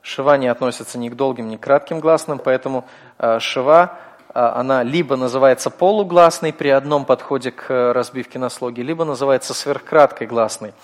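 A man lecturing to a class, patient and explanatory, pausing often with small hesitations. His voice sits at an ordinary middle pitch and carries a long reverb from the hall around him. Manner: patient, explanatory, with frequent fillers. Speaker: teacher.

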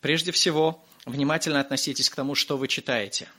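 A man interpreting a sermon phrase by phrase, his voice bright and forceful. He follows the preacher closely, fluent and quick with the odd restart. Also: a little high, fairly even intonation.

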